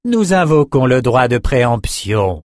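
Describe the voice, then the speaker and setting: A man reading an audiobook, voicing a calm, measured male chief sorcerer. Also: medium pitch, no room sound, clean studio sound.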